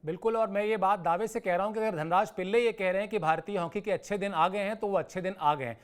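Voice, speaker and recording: A male sports reporter interviewing a guest, asking measured questions and thanking him formally. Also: high-pitched, clean tone.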